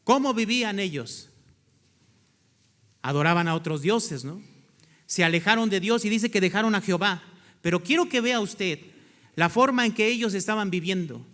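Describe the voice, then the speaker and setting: High-voiced pastor in a reverberant hall. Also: male voice, lively intonation, moderate pace, pauses often, a bit bright. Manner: asks the congregation questions and answers them himself; reads scripture aloud between explanations. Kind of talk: sermon. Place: church.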